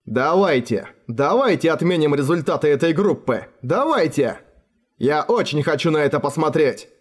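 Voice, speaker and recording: A man's voice: fairly high pitch, expressive, moderate pace. A man voicing a sardonic official who speaks with cool, mocking sarcasm. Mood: sarcastic. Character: sardonic, unflappable male official, a consul.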